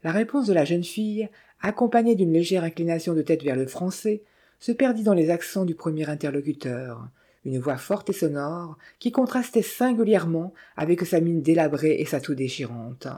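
An audiobook narrator reading a classic adventure novel in a measured, even way. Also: mid-range voice, slightly rough. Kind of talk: scripted literary narration.

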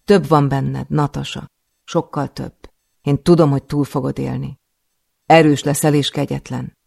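A man voicing a stern, cold woman caretaker who gives curt orders in a gravelly voice. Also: medium pitch, flat delivery, dark tone, no echo, clean studio sound. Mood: grimly encouraging.

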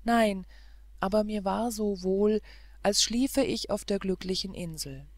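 A woman reads a sweet young girl with a fluting voice from a fairy-tale audiobook. She speaks tenderly, almost pleading. The delivery is slow, with a dry, close sound. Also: mid-range voice, no echo.

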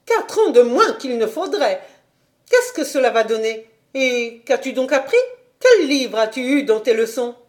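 A woman voicing a stern, prim middle-aged governess who asks sharp, indignant questions in a storybook reading. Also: on the high side, big pitch swings, unhurried, pitched above the performer's own voice.

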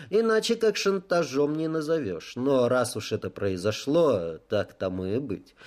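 A man's voice: medium pitch, darkish tone. A man reading a first-person audiobook, with ironic asides to the listener. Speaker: audiobook narrator.

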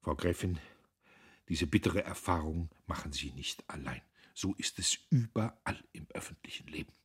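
A man's voice: very deep voice, lively intonation, normal speed, husky, heavily acted. A man voicing a cowardly, ruthless social climber who talks pushily, fawning upward and sneering downward. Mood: earnest. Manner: pushy, contemptuous, eager to please superiors.

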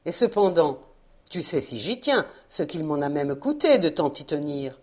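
A woman's voice: deep voice, very animated, moderate pace, pitched below the performer's own voice. A woman voicing an old fisherman father in a rage. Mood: fond, teasing. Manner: stammering, shouting in rage. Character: old Breton fisherman father, stubborn and furious.

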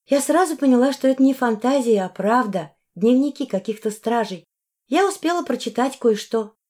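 A woman's voice: on the high side, lively intonation, moderate pace, darkish tone, voice pushed up. Woman voicing an astonished young half-mermaid. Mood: earnest.

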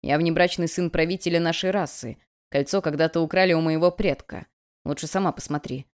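A haughty male werewolf king with a low, gruff growl, curt and easily provoked, as a woman reads him in a storybook. His voice sits a touch lower than her own. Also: fairly even intonation, fairly quick, close to an everyday voice.

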